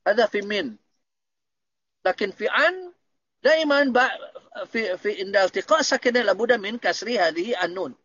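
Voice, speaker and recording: A man's voice: sits high, lively intonation, moderate pace, long pauses, a bit bright, no room sound, dull audio. A man teaching Arabic grammar in an online lesson, patiently explaining and checking that students understand.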